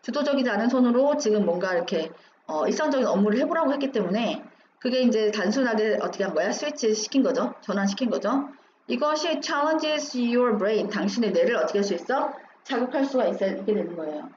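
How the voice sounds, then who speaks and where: A woman's voice: on the high side, expressive, fairly quick, darkish tone. A woman teaching English, going through an exam passage line by line, asking questions and answering them herself. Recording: dull roomy recording with faint hum.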